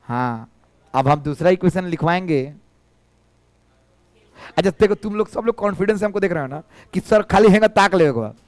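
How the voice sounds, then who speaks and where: High-voiced Bihari teacher teasing his class. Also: smooth, no room sound. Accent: Bihari Hindi. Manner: teasing, coaxing students to answer. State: hoarse from years of teaching. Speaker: physics teacher. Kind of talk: classroom physics lecture. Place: classroom with students.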